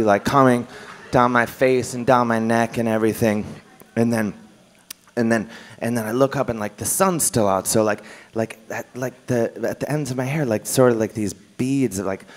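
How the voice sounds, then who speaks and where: Male stand-up with a middle-pitched voice: rambling, self-mocking, filler-heavy storytelling. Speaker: stand-up comedian. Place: comedy club stage.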